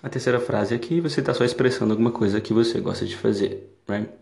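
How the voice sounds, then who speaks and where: A man's voice: lowish voice, fast talker, creaky, darkish tone, reverberant. A man hosting a podcast lesson, explaining and talking directly to his learners. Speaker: podcast host and English teacher.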